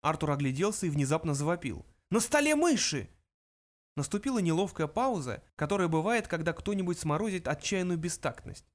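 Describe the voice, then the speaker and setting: A narrator reading a comic science-fiction audiobook at a middle pitch. The telling is even and measured, leaving the color to the character voices. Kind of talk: scripted narration.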